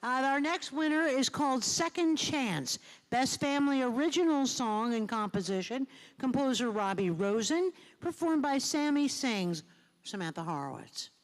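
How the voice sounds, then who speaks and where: A woman's voice: sits high, lively intonation, normal speed. Easygoing woman host announcing awards. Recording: long reverb in a hall.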